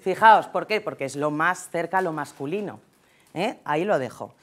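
A woman's voice: deep voice, animated, normal speed. Chatty jokey Spanish-accented woman speaker. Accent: Spain Spanish. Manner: chatty, jokey, keeps tagging lines with "¿eh?". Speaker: conference speaker. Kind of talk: humorous conference talk.

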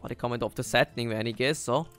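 A man's voice: mid-range voice, fast talker, a bit bright, faint music behind. A man with an Austrian accent playing a Minecraft role-play, talking with many hesitant fillers and breaking into panicky yelps. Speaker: gamer.

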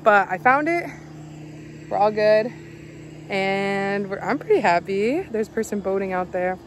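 A woman's voice: medium pitch, lively intonation, unhurried, noisy background. A young woman chatting casually to a phone camera held at arm's length at a campsite, giggly and upbeat. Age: young adult. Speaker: vlogger. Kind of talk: casual vlog chat. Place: outdoors at a campsite.

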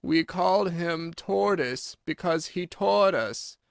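A man's voice: on the high side, fairly bright tone, smooth, no room sound. Man playing a mournful, drawling old turtle. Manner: slow, drawn-out, mournful delivery. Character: melancholy old male mock turtle, sighing and self-pitying.

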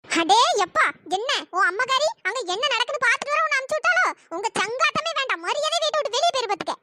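A performer voicing a sharp-tongued, furious middle-aged mother in a cartoon, scolding and shouting. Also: extremely high pitch, lively intonation, fast talker, heavy background noise. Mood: angry scolding. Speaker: angry aunt. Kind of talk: pitched-up cartoon voice acting.

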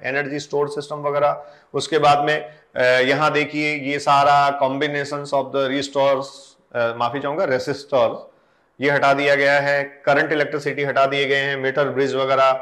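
A man with a medium-pitched, fairly bright voice coaches students for exams, walking them through syllabus changes. He speaks to the students directly and reads out lists of topics that have been deleted.

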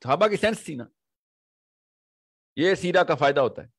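A man's voice: on the high side, normal speed. A man giving a religious lecture to an audience, telling stories vividly and asking rhetorical questions. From Pakistan. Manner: rhetorical questions and animated storytelling. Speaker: religious speaker.

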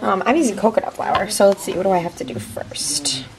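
A woman's voice: mid-range voice, animated, fairly quick, a crowd in the background. Bubbly young woman vlogging at home. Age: young adult. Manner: bubbly, giggly, exclaiming. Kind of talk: casual vlog chat. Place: home kitchen and bedroom, indoors. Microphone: handheld camera. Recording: home camera with clear background noise.

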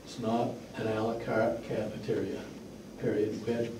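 A man speaks bluntly and matter-of-factly at a town meeting as the organizer of a fundraiser, his lowish voice varying little in pitch at a normal pace. The far room microphone places him in an echoey mid-sized indoor meeting room, and background noise can be heard.

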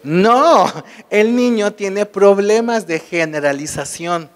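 Speaking slowly to a live audience at a state congress, a man with a Mexican Spanish accent explains his points and keeps quizzing the room with rhetorical questions. His voice sits fairly high for a man, and a large hall's long reverb trails after his words.

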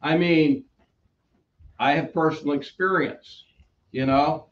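Older man preaching, slow and high-voiced. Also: steady tone, dull audio. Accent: New York. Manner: conversational, unhurried preaching with asides. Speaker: pastor. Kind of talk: sermon. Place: church sanctuary with pulpit. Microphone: stand mic at pulpit, preacher moving about.

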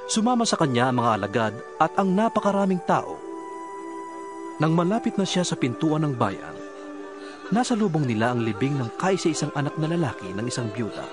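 A man narrates scripture in a steady storytelling manner. His voice is slightly high and moves lively in pitch. Soft music plays underneath. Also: fairly quick.

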